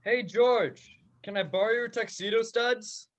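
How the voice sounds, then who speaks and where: A man's voice: very high-pitched, measured pace. A man playing a carefree teenage younger brother in a radio play, over a dull video-call microphone. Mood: breezy. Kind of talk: 1940s-style radio play acting.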